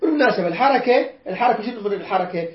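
A woman's voice: mid-range voice, animated, rapid-fire. A woman with an Iraqi accent teaching a Quran class, patiently repeating words and quizzing her students. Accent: Iraqi Arabic. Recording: roomy dull lo-fi recording.

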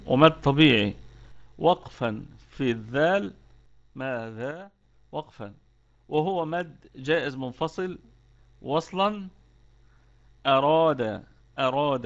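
A man's voice: a little high, a bit bright, muffled recording. A man with an Egyptian accent teaching Quran recitation rules in an online lesson, explaining step by step and repeating key words.

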